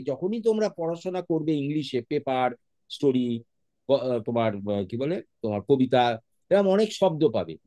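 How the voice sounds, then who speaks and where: Lively Bengali-accented man teaching a class. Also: a little high, no echo. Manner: patient, spells words out letter by letter; mixes English words into his speech. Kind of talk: online class lesson.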